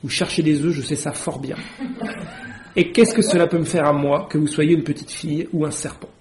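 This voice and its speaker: A man's voice: a little high, fairly even intonation, brisk, a crowd in the background, close to an everyday voice. A man voicing a scornful, suspicious male pigeon from a storybook, insistent and contemptuous. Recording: roomy echo.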